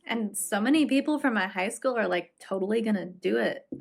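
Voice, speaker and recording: A woman's voice: mid-range voice, fairly quick, vocal fry. A wary seventeen-year-old teen, played by a woman, talks hesitantly and fills gaps with awkward little fillers. The frustration is close to the surface in this indie audio drama. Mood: exasperated.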